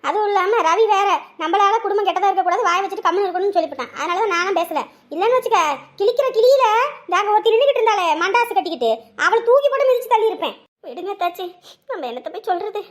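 A woman voicing a quarrelsome, loud-mouthed village woman in a family drama, scolding shrilly. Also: very high-pitched, lively intonation, rapid-fire. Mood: gossiping. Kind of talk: Tamil family drama acting.

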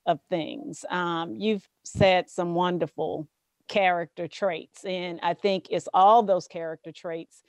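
A woman's voice: fairly low pitch, steady tone, slow pace, darkish tone, dry recording. A woman with a Southern US accent interviewing a guest in a casual, affirming way, with many fillers. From Southern US, Louisiana bayous.

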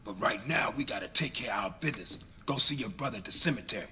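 A big streetwise buddy in a crime video game. He is warm, boisterous and folksy, with a bright, very mobile voice and faint ambience behind. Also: fairly low pitch, animated, fast talker, a little hiss or hum. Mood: consoling, solemn. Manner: folksy, philosophizing. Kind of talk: video game cutscene acting.

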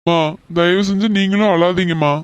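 A woman doing a gentle, patient cartoon son. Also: on the low side, fairly even intonation, brisk, clean tone, dry recording, dull audio, pitched below the performer's own voice, natural voice. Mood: gentle reasoning. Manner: soothing, patient, persuasive. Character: calm young man, gentle reasoning son. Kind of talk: cartoon voice acting.

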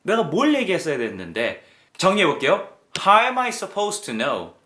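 Lively, animated man teaching English. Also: high-pitched. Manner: animated, acts out example lines, slow drilled English phrases. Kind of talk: lively video lesson. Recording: echoey room.

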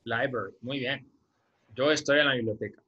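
A man teaching an English class in Spanish, patiently repeating words slowly for pronunciation over a video call. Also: medium pitch, expressive, slight background noise. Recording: dull lo-fi video-call audio.

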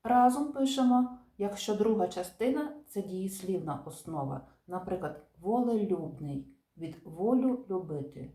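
A woman teacher calmly explaining spelling rules to viewers, stressing each example word. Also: mid-range voice, measured pace, hardly any pauses. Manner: calm, methodical, stresses example words. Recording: echoey room.

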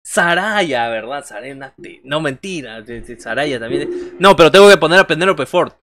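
A man's voice: fairly high pitch, lively intonation, normal speed, a bit bright. A man in his thirties doing casual wrestling commentary on a livestream, joking and conversational as he talks with viewers. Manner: joking, conversational, reacting to chat and calling moves. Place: small bedroom, indoors.

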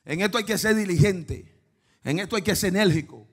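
A man preaching a fervent sermon, dropping to hushed asides and then breaking into shouts while he quizzes the congregation. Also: sits high, brisk, husky. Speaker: pastor. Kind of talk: lively Pentecostal sermon.

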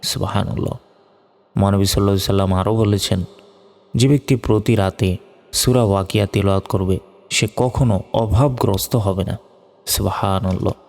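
Low, flat-voiced man teaching recitation. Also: vocal fry. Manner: spells letters and vowel marks slowly, then chants verses. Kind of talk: religious lesson with spelled-out recitation. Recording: long reverb with faint music.

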